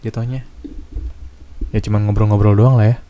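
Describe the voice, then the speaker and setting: A young man with a Jakarta slang accent hosting a casual podcast chat, relaxed and searching for his words. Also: fairly low pitch, normal speed, narrow, tinny audio. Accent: Jakarta slang Indonesian. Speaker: podcast host.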